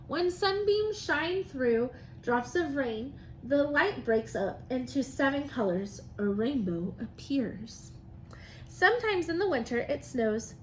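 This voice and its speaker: Here the teacher's voice sits high, and the audio is poor with noticeable background noise. She reads aloud and walks young children through science using simple, encouraging language.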